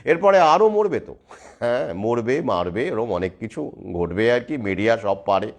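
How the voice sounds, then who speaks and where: A man's voice: mid-range voice, very animated, normal speed. A man speaking straight to his viewers in an urgent monologue, stressing his points with rhetorical questions. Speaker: video commentator.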